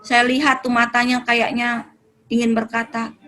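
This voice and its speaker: A woman's voice: a little high, completely flat delivery, normal speed, bright, forceful tone, rough recording. A woman speaking as a religious parenting speaker, answering questions in a casual, conversational way and sometimes acting out talks with children. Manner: conversational, acts out mother-child dialogue. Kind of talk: answering audience questions in a seminar.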